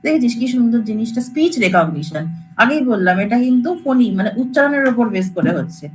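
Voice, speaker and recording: A woman's voice: on the high side, lively intonation, fast talker, faint music behind, poor audio. A woman lecturer, explaining to students in a casual, coaxing classroom way. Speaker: computer science lecturer.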